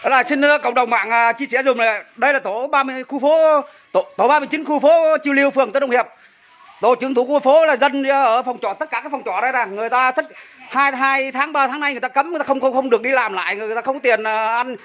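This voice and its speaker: A man speaks in a high voice, quick but halting, and repeats himself as he appeals to online viewers. The phone recording sounds muffled and dull. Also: fairly bright tone. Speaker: resident filming an appeal.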